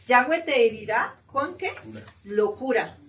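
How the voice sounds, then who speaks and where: A woman's voice: on the high side, lively intonation, a little slow, fairly bright tone. A woman leading a Bible study, reading scripture aloud and explaining it, with frequent questions to her listeners. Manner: reads scripture then explains, asks the group questions. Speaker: Bible teacher. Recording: distant mic with faint room noise.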